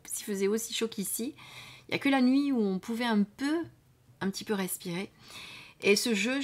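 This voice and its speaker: A woman hosting a casual review of an oracle card deck, speaking softly and unhurriedly, often trailing off to near whispers, with frequent fillers. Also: medium pitch. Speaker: card reading channel host. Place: indoors at home under studio lights.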